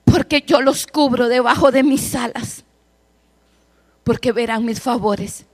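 Fervent woman prophesying in a sermon, somewhat high-pitched, repeating her declarations. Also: unhurried. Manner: fervent, swells loud then drops to a hush; repetitive, chant-like declarations. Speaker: prophetic preacher. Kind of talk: prophetic sermon speaking as God.

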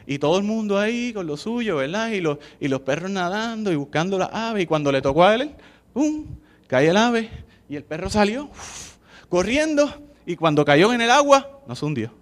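A man's voice: sits high, big pitch swings, normal speed. A man with a Puerto Rican accent giving an informal sermon, chatting with the listeners and often asking "¿verdad?" as he tells a story. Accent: Puerto Rican Spanish. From Puerto Rico.

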